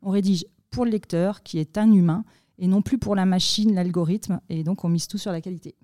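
A French-accented woman talks through content marketing on a podcast in a mellow, dark-toned voice. She leans on fillers like "euh" and "hein" as she explains. The recording is close and dry. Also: fairly low pitch, a little fast, no echo. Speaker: content marketing expert guest. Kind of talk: podcast conversation.

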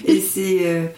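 A woman's voice: lowish voice, warm tone. Echoey, distant woman explaining reflectively. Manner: reflective, halting, searching for words. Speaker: mindfulness instructor and guest. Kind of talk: explanatory conversational interview. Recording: echoey room, distant from microphone.

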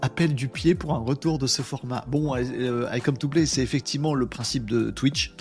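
A man's voice: mid-range voice, normal speed, creaky, soft background music. Rambling casual male live streamer.

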